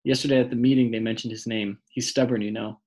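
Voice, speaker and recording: A man's voice: mid-range voice, fairly even intonation, fast, darkish tone, natural voice. A man reading as a guarded, wary uncle. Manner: guarded, clipped. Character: guarded middle-aged man, a wary actor. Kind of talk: audiobook reading.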